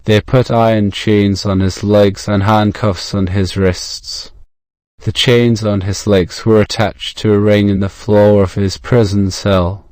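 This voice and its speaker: A man with a modern British accent reading a scripted story for English learners, measured and clearly enunciated. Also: fairly low pitch, flat delivery, darkish tone, no room sound. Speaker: audiobook narrator.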